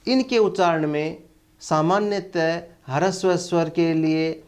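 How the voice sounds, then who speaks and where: Slow, deliberate male Hindi teacher. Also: on the high side, darkish tone. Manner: slow, deliberate, with many drawn-out "a" fillers. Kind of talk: online lecture.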